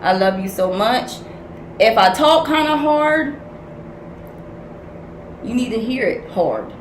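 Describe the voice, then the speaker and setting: A woman's voice: fairly high pitch, animated, slow pace, slight background noise. Blunt, profane grandmother counselor, echoey room. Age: older. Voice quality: blunt, profane, tough-love preaching. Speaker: spiritual counselor. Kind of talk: tarot message reading.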